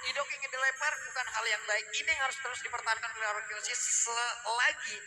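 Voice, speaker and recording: A man with an Indonesian accent giving fast commentary as an esports shoutcaster. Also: very high voice, fairly even intonation. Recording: loud music behind the voice.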